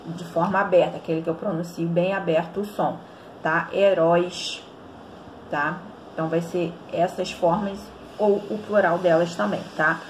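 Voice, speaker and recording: A woman's voice: lowish voice, a little hiss or hum. A woman with a Brazilian Portuguese accent teaching an online grammar lesson, explaining step by step and often checking in with the students.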